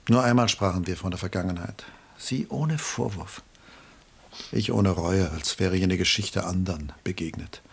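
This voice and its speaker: In a mid-century German radio play, a male actor gives a heavily acted performance as Julian, an embittered, lonely middle-aged artist and self-pitying father. His low, husky voice is melancholy and brooding, sinking into hushed drops.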